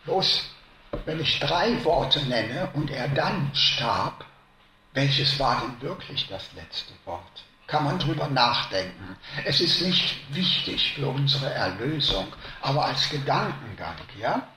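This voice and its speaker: A man preaching a sermon in a slow, deliberate way, his pitch swinging widely as he stresses words and then drops low. His voice is bright and slightly high. The room around him echoes. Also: big pitch swings. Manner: slow, emphatic, swinging between loud stresses and hushed drops.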